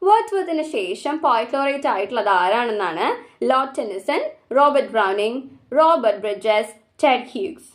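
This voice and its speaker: A woman with a Malayali accent walks through exam questions as a teacher. Her voice sits high, and she reads each question slowly before explaining the answer quickly. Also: lively intonation. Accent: Malayali English. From Kerala, India.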